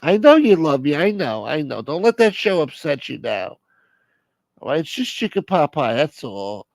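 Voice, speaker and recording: A man doing a whiny, high-voiced mob son. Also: very animated, moderate pace, gravelly, no echo. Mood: exasperated.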